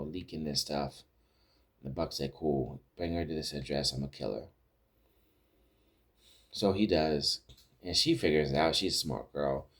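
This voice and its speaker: Very deep-voiced man casually recapping TV. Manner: rambling retelling with many restarts and quoted lines. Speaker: podcast host recapping TV episodes.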